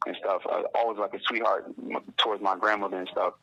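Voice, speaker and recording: A man's voice: low-pitched, fairly even intonation, quick pace, creaky, lo-fi sound. A young man from Barbados, a guest talking casually in an interview, earnest and often restarting his sentences. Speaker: guest calling in from prison.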